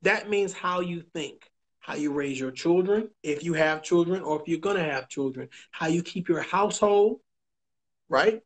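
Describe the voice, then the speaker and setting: Emphatic preachy man hosting a talk show. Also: on the high side. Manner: emphatic, preachy, swears, repeats points slowly. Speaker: podcast host.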